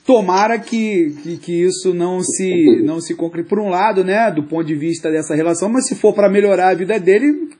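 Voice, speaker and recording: A male podcast co-host with a high-sitting, dark, breathy voice asks a guest one long question. He speaks haltingly, full of hesitations, fillers, and restarts.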